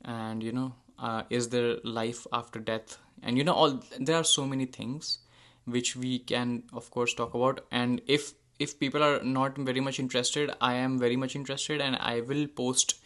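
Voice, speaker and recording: A young man whose first language is Hindi hosts a channel and chats casually to his viewers in an unscripted monologue. His mid-range voice is fairly bright and even in intonation at a moderate pace, with frequent fillers and self-corrections.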